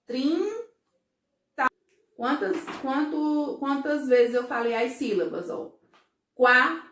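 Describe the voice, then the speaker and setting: A woman teaching a first-grade class, explaining slowly and patiently, often checking that the children follow. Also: sits high, a little mellow, roomy sound. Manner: slow, patient, syllable-by-syllable explaining; frequent checking questions to pupils. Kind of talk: recorded remote class for children.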